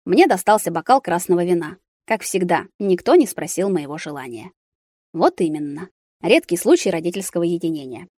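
A woman narrating an audiobook in a steady, expressive reading. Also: on the low side, a little fast, no echo, clean studio sound.

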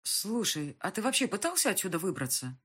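A woman's voice: mid-range voice, sing-song, fairly quick, fairly bright tone, breathy edge, heavily acted. A woman voicing an injured young woman trapped in a pit, talking with pleading urgency. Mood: urgent.

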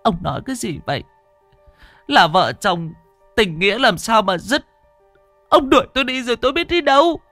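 A man's voice: very animated, normal speed, pauses often, pushed and bright, dry recording, faint music behind, exaggerated voice. A man voicing a tearful peasant wife. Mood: distraught. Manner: pleading, tearful and high. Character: grieving middle-aged peasant wife, devoted.

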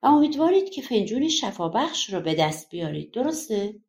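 A woman's voice: medium pitch, big pitch swings, a little mellow, reverberant. A woman voicing a mysterious short man who speaks in a knowing, questioning way in an audiobook folk tale.

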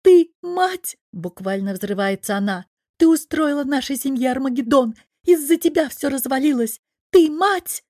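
A woman voicing a hot-tempered young adult daughter who bursts out in shrill protest, in an audiobook. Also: normal speed, a little mellow, no room sound, clean studio sound. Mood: furious. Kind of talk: audiobook character voice.

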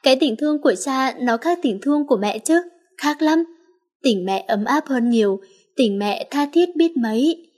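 A woman's voice: high-pitched, animated, moderate pace, darkish tone. Woman doing a tearful little boy, pleading, slightly raised voice, audiobook story. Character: hurt little boy of four or five, pleading.

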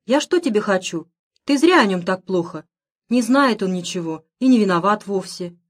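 A woman's voice: medium pitch, lively intonation, normal speed, lightly acted. A woman voicing a frightened sick village girl. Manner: weak, fearful, murmuring. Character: gravely ill young village girl, frightened.

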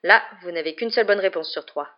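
A woman voicing a grown male wizard teacher who speaks calmly with restrained emotion, on a slightly muffled recording. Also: fairly low pitch, fast, natural voice. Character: calm, weary adult male wizard teacher.

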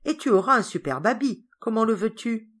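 A woman voicing a kind young girl who speaks gently and apologetically. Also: on the high side, lively intonation, brisk, voice pushed up. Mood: gentle. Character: young girl, kind, timid before her uncle.

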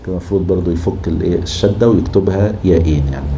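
A man with an Egyptian accent teaching Arabic prosody, scanning verse with slow, drawn-out chanting. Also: sits low, dark tone, slight background noise. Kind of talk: classroom lecture scanning verse.

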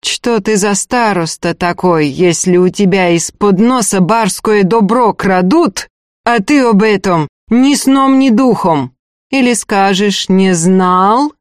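A woman voicing a cruel female estate manager who sneers and barks orders in a shrill, cutting voice. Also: takes it slowly, no echo, clean studio sound, close to an everyday voice. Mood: shrill commanding.

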